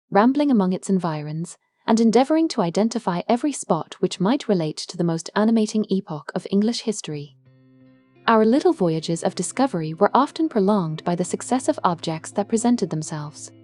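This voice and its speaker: A woman reads a gothic novel as a dark scripted narration, in a measured, solemn, literary manner. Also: medium pitch, animated. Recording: music behind the voice. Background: background music.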